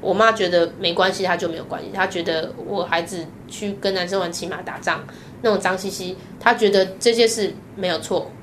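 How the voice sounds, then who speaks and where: This woman, a guest with a Taiwanese Mandarin accent, tells candid stories about herself in an animated way, laughing and acting out quoted voices. She talks a bit fast in a lowish voice, and the background is noisy.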